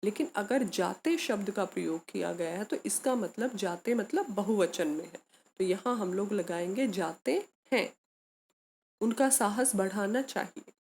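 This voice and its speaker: A woman's voice: mid-range voice, unhurried, vocal fry, darkish tone, slight background noise. A woman teaching a grammar lesson to students, explaining patiently, asking questions and answering them herself, and mixing in English words. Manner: calls students beta, mixes English words.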